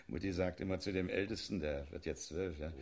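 Deep, creaky and a little mellow, this man's voice moves at a moderate pace. It's an actor voicing a smug riot policeman with a wife and kids in a satirical sketch, chuckling in a self-righteous, conspiratorial way as he rationalizes harsh policing.

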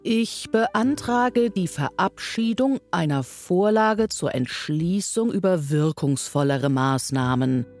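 Pompous dodo bird, woman reading, slow stilted speech, lowish voice, radio storybook. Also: expressive, creaky, darkish tone, husky, soft background music, heavily acted. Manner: slow, stilted, self-important.

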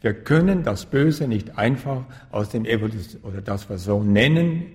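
A man speaks as a spiritual teacher in an interview, at a middling pitch. He is deliberate and emphatic and restates his central points to stress them. His voice carries a long, echoing hall reverb. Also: animated, darkish tone. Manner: emphatic, repeats key phrases for stress. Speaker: guest, spiritual teacher and author. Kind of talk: reflective interview answers.

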